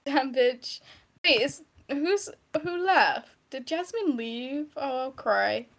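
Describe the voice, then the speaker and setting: A woman's voice: high-pitched, animated, takes it slowly, a bit bright. A young woman co-hosting a casual online chat, crude and joking and swearing freely over voice chat. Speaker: podcast co-host.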